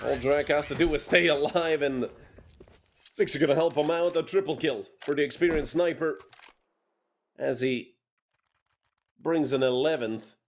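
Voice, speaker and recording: A man casting a competitive shooter match solo, giving quick play-by-play with dry asides. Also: on the high side. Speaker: esports caster.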